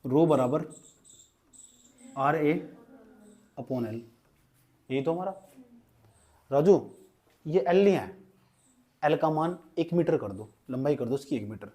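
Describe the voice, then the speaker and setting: A man's voice: a little high, lively intonation, takes it slowly, pauses often, dark tone. A young male physics teacher in a classroom, urging students along, repeating phrases and calling on them by name.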